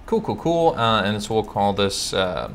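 A fairly low-voiced man from California hosts a casual live coding stream. He thinks aloud as he works, reading code out slowly and correcting himself with plenty of ums and uhs. A faint background hiss sits under his voice. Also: big pitch swings. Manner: chatty, thinks aloud, frequent fillers and self-corrections; reads code aloud slowly while typing. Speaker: livestream host answering coding questions.

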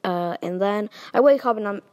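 Chatty, animated woman telling a story. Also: normal speed, highs cut off. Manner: animated, sudden jumps in pitch and loudness; chatty, playful asides. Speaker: storytime video maker. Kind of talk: casual storytime narration.

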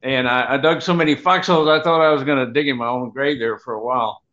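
A man in his seventies reminiscing as a veteran in a halting, unhurried, rambling grandpa storytelling way. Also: medium pitch, fairly bright tone. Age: 70s. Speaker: guest, Vietnam veteran. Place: home room, on a video call. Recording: dull, lo-fi video call audio.

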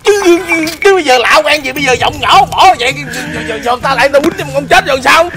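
A man's voice: very high voice, lively intonation, racing. A man playing a panicky, easily frightened young woman in a comedy prank skit, stammering and repeating words. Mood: panicked. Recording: loud music and crowd noise behind.

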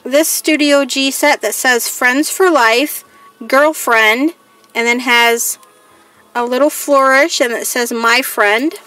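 Faint music plays behind a female crafting vlogger as she casually shows off her haul. Her slightly higher voice has a sharp tone, and she reads each piece aloud plainly, list-style, in a chatty, unhurried way.

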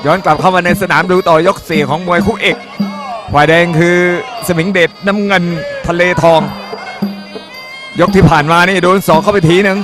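A man's voice: sits high, steady tone, normal speed, a crowd in the background. A man calling a Muay Thai fight live in short, punchy phrases that he often repeats. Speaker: ringside Muay Thai commentator. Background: music.

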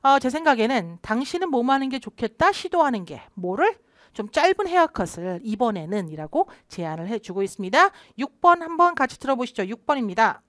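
A woman's voice: on the high side, brisk, no room sound, clean studio sound. A woman teaching an English test-prep lesson online, explaining phrases and drilling them aloud. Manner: explains and drills phrases, lively rising and falling delivery. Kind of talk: online lecture.

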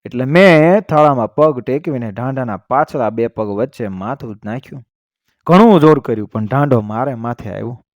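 A toothless old village farmer in a told story, good-humored and plain-spoken, pushing his voice up at the dramatic moments, as a male narrator reads him. The voice has an ordinary middle pitch. The sound is dry and close to the mic. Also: lively intonation, normal speed, no room sound, natural voice. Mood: recounting.

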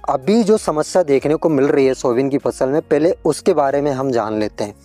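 Man explaining soybean care, dark tone. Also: mid-range voice, a little fast, faint music behind. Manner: explanatory, repeatedly addressing farmers as friends. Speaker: farming advice channel host. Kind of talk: farming tutorial talk.

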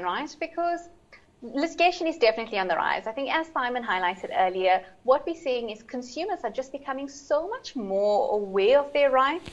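Articulate woman on video call. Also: a little high. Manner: articulate, fluent, businesslike. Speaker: insurance expert guest. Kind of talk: panel interview answers. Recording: slightly muffled video call audio.

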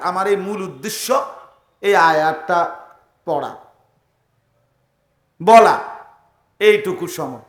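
High-voiced man preaching in an echoing hall. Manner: emphatic, rhythmic lists with rising and falling calls. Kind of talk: sermon. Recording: echoey venue sound.

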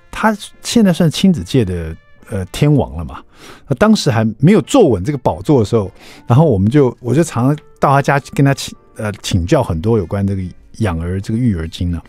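Lively radio host. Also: male voice, fairly low pitch, no echo. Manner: animated, mimics voices while telling anecdotes. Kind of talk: storytelling on a radio talk show. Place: radio studio. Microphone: studio microphone.

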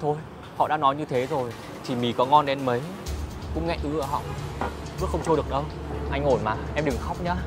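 Man playing a gentle, patient young wheelchair user. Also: sits high, fast, lightly acted. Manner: soft-spoken, calm, consoling. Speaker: wheelchair user selling goods. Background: background music.

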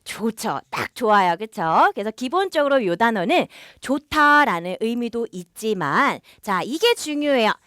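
A woman's voice: a little high, moderate pace, hardly any pauses, no echo, clean studio sound. A woman teaching a language lesson, talking straight to learners and drawing out the practice words. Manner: lively, coaxing, addresses learners directly, models pronunciation drawn out.

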